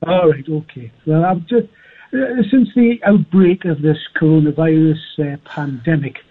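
A man's voice: fairly high pitch, moderate pace. A man calling a radio show over the phone, earnest and persistent, reciting figures through a muffled line. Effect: heard over a phone line.

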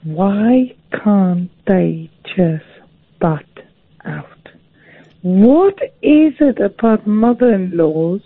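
A woman's voice: mid-range voice, animated, extremely slow, no echo. A tipsy woman calling in over the phone on speakerphone, slurring and arguing with the host. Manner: slurring, argumentative. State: tipsy after a few drinks. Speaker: caller. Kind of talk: call-in radio chat. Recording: tinny dry phone line.

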